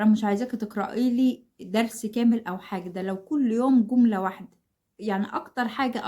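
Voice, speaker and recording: A woman with an Egyptian Arabic accent, a reading tutor giving brisk, encouraging advice to mothers and repeating simple examples. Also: medium pitch, darkish tone. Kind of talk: instructional talk to parents.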